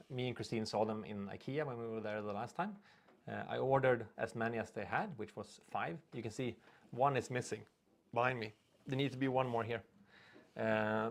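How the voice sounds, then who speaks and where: This clip features a young man from Sweden whose mid-range voice carries vocal fry. Speaking English as a second language, he hosts a laid-back livestream, rambling along, stumbling over words and reading out comments from viewers.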